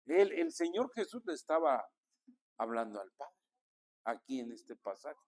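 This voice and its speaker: A Mexican pastor preaching a sermon in a notably high voice. He speaks at an unhurried, deliberate pace and keeps calling on the congregation to answer and repeat his words. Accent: Mexican Spanish. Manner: preaching with call-and-response to the congregation.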